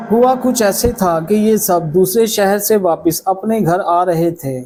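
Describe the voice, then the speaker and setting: Slow, high-voiced male storyteller. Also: warm tone, a little hiss or hum, poor audio. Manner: measured, dramatic storytelling. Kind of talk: scripted story narration. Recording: clear background music under voice. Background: background music.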